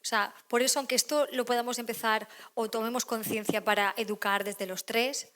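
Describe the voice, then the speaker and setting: A woman giving a conference talk on emotional education to an audience, lively, acting out quoted voices. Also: fairly high pitch, moderate pace. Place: lecture hall.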